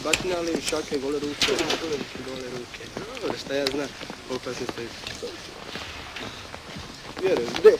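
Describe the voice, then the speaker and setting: A man's voice: mid-range voice, moderate pace, long pauses, noisy background. A man speaking as a soldier outdoors, curt and asking short questions. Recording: archive field recording with loud crowd.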